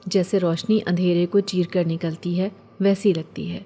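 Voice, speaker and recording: A woman voicing an ancient, gentle male jinn who speaks in a calm, poetic, consoling way. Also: lowish voice, lightly acted. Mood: calm, tender.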